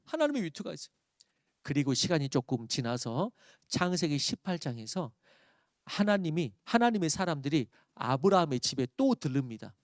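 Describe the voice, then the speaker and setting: A man preaching a sermon as a pastor, reading scripture slowly and rising to loud emphatic peaks before dropping to quiet asides. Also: a little high, very animated, no room sound, clean studio sound. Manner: reads scripture slowly aloud.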